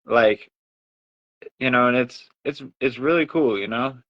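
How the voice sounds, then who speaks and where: A man's voice: mid-range voice, a little slow. Dull-sounding chatty male livestreamer. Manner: chatty storyteller, acts out others' remarks. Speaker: livestream host. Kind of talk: casual livestream chat. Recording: dull lo-fi audio.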